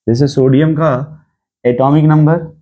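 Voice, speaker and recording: A male chemistry teacher lectures a class, his voice sitting a little high for a man. He keeps quizzing the room with quick rhetorical questions and drops English terms into his explanation. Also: fairly even intonation, warm tone.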